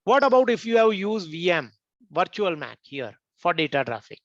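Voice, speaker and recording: A man leads a networking lesson over an online call whose audio keeps dropping and cutting out. His voice is high and gravelly, set in a dry, dull-sounding call line. He walks through each step and keeps checking in with his listeners. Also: sing-song, normal speed, a bit bright, dry recording. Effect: choppy online call audio with his voice cutting out. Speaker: networking instructor. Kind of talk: walking through a technical lesson on a video call. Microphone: computer mic on a video call.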